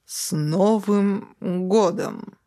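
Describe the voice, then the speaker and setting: A woman voicing a sly drunk male lift dispatcher who drawls slowly and slurs his words. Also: low-pitched, darkish tone, husky, full character voice. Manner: slow, slurred, sly.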